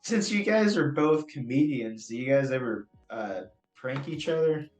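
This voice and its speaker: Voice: medium pitch, expressive, measured pace, a little mellow, faint music behind. An interviewer host asking brief, easygoing questions in a casual chat. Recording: roomy, distant mic.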